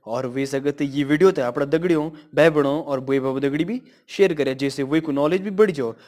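A man's voice: fairly high pitch, fairly quick, a little mellow. A man giving a friendly channel sign-off, appealing directly to viewers. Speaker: channel outro speaker.

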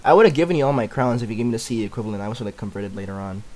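A young man with a somewhat low voice talks through his gameplay in a loose, rambling way. He leans on "like" in nearly every sentence and chuckles often, with a casual, unscripted feel. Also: animated, very fast, a loud crowd, rough recording. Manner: filler-heavy rambling, "like" everywhere. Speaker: gaming YouTuber.

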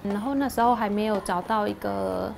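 A woman in her thirties from Cambodia, a university student, speaking softly and reflectively in a documentary interview. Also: medium pitch, creaky, a little hiss or hum. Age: 30s. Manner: soft, reflective, halting. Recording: clean documentary audio with music underneath. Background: soft background music.

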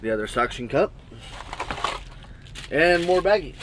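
A trucker in his thirties casually unboxes and reviews gear in his small sleeper cab, rambling and thinking aloud with plenty of fillers. His fairly high voice is a bit bright with lively intonation and a slightly slow pace. The action camera's built-in mic, mounted on the cab wall, gives a low-quality recording with slight background noise.

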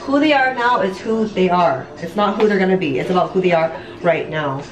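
Her lowish voice is a little fast as this vlogger and online business coach in her late twenties chats to viewers during her makeup routine in her home bathroom. The talk is candid and confessional, somewhat rambling, heavy on "like" and "you know," with some swearing. It's captured by a camera mic a step or two away in an echoey room.

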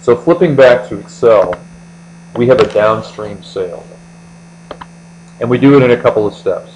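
This American man's medium-pitched voice moves at a normal speed as he tutors accounting, working through an explanatory lecture step by step. Recorded indoors as a voice-over on a screen capture, the sound is lo-fi with a steady mains hum running underneath.

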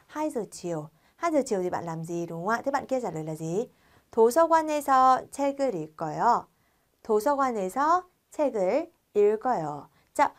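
A Vietnamese-accented woman runs a language lesson at a rapid clip. She talks in a lively, chatty way and keeps checking with her students. Her voice sits at an ordinary middle pitch. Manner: lively, chatty teacher asking frequent check questions. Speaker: Korean language teacher. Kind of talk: online lesson, explaining to students.

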